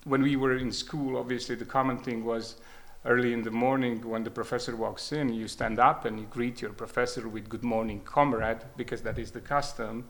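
A man's voice: medium pitch, steady tone, moderate pace, a bit bright. A man, speaking reflectively about his experience and often hesitating and repeating words as he thinks. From Croatia. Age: 30s. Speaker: speaker sharing personal experience. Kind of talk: reflective spoken testimony.

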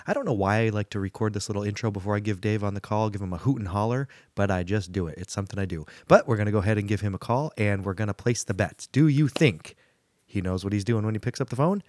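Deep-voiced man hosting a laid-back podcast. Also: fast talker, a little mellow, no echo. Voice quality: deeper than usual. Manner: joking, laughs often. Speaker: podcast host. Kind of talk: casual chat. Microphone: studio microphone.

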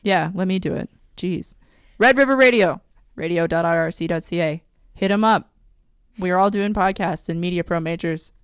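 A woman's voice: on the low side, moderate pace, clear, resonant tone, dry recording, clean studio sound. A young woman co-hosting a student podcast, chatting casually and joking with friends. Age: young adult. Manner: lively, animated, joking. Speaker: podcast co-host. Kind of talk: casual chat.

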